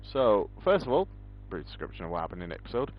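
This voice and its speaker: A man's voice: lowish voice, big pitch swings, fast, dull audio. A young man hosting a casual discussion, rambling with lots of ums. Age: young adult. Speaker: podcast host. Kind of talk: casual chat.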